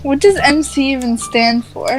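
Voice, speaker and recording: A woman's voice: sits high, normal speed, music in the background, rough recording. A woman co-hosting a podcast, chatting casually in a hesitant, questioning way. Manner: hesitant, questioning, many fillers. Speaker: podcast co-host. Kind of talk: casual chat.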